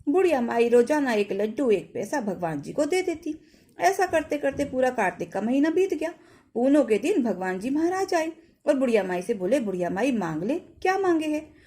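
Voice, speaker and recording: Woman storyteller for a devotional tale, high animated voice, mellow tone, homely plain delivery. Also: normal speed. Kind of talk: devotional folk tale narration.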